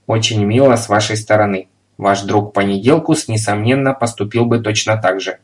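A shrill, scolding landlady, as a male reader puts her on, loud and indignant. The voice is pushed a little higher than his own and sounds sharp with anger. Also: steady tone, normal speed, close to an everyday voice. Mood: calmer. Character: furious middle-aged landlady.

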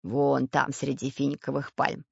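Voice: medium pitch, monotone, unhurried, vocal fry, husky, no echo, exaggerated voice. A storyteller voicing a fussy, doubtful male professor of geography in a dry, dull recording.

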